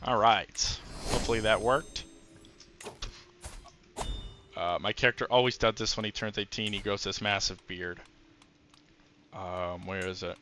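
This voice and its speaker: A man's voice: on the low side, steady tone, moderate pace, pushed and bright, slight background noise. A man giving casual commentary while playing a strategy game, musing aloud with frequent fillers. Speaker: gameplay commentator.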